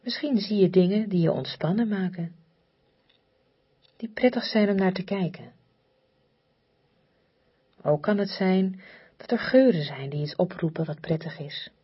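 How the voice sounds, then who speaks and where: A woman leading a guided relaxation in a soft, breathy, near-whispered voice, soothing, hypnotic and repetitive, with long pauses. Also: fairly low pitch, dull audio.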